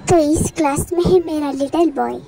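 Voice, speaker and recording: A woman voicing a teacher who makes a formal, loud announcement to a class. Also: sits high, moderate pace, gravelly, over loud music, low-quality recording. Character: formal teacher introducing the principal.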